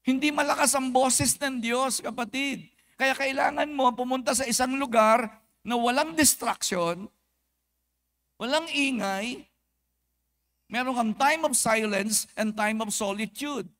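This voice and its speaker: Filipino pastor guy, kinda high voice, lively preaching, switches to english a lot. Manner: animated preaching mixing Tagalog and English, acts out quick comic exchanges. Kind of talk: sermon. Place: church service.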